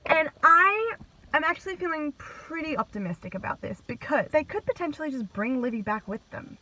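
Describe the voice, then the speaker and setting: A book-reviewing vlogger retells a novel in a casual reaction, her high voice lively in intonation, brisk, bright and forceful. She gushes in slangy fan talk and drops sarcastic asides. The amateur phone audio is noisy and glitchy.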